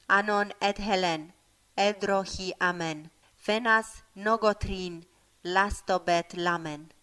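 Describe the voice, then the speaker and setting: A woman voicing a stern, short-tempered old male wizard who scolds and commands loudly. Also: mid-range voice, steady tone, clean tone, lightly acted. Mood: commanding. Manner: commanding, scolding, slow chanted spells.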